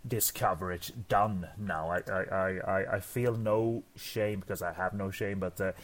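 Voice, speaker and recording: A man's voice: sits low, normal speed. A man co-hosting a casual movie podcast, stammering and repeating words, often chuckling. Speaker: podcast co-host.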